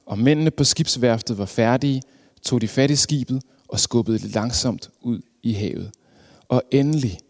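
A man reading a storybook in an expressive way, easing down and slowing for the dramatic beats. His voice sits at a middling pitch. A long hall reverb hangs on every phrase. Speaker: narrator.

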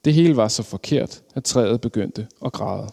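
A man reading a storybook aloud with expressive narration, slowing down for dramatic moments. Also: lowish voice, creaky. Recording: long hall reverb.

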